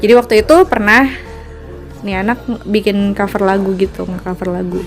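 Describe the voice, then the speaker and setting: A young woman co-hosting a casual chat podcast, speaking in a relaxed, thoughtful way with many fillers. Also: mid-range voice, fairly quick, soft background music. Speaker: podcast co-host.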